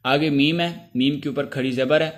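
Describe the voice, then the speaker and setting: A man with a Pakistani Urdu accent teaching a Quran recitation lesson, explaining each letter step by step and chanting the sounds slowly. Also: fairly high pitch, steady tone. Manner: slow drawn-out chanted letters between spoken explanations; clears throat now and then.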